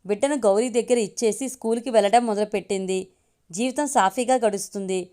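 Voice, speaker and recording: A woman's voice: mid-range voice, a little fast, warm tone. Woman narrating a family story.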